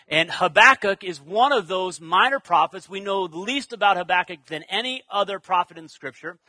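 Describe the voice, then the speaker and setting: A male pastor preaching a conversational sermon, acting out quoted lines with lively energy. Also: sits high, no room sound. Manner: conversational, animated, acts out quotes.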